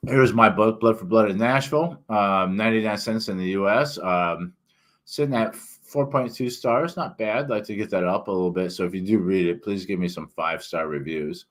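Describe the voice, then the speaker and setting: A man talking casually and haltingly to viewers as an author, his words thick from a swollen tongue and a sore mouth and throat. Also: fairly low pitch. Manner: halting, rambling, self-interrupting. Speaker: author and book reviewer. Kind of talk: casual solo vlog talk.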